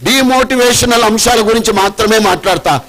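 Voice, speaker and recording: Animated high-voiced Telangana man. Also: poor audio. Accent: Telangana Telugu. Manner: animated, mixes Telugu with slow emphatic English phrases. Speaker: motivational trainer. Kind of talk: motivational talk to students. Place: training hall with an audience.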